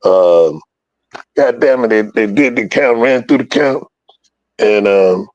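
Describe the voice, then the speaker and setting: A man's voice: fairly low pitch, slow pace, no echo. A man telling a story in an interview, casual and full of profanity, acting out the voices of the people in it. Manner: profane, animated, acts out quoted voices. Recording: dull lo-fi dry recording.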